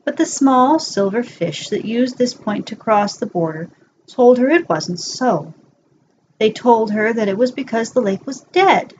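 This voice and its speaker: The narrator here is a woman with a fairly high yet darkish-toned voice, animated in delivery and a touch slow. She reads fan fiction as a bedtime story from a script. The amateur home recording is dull and lo-fi, carrying faint noise.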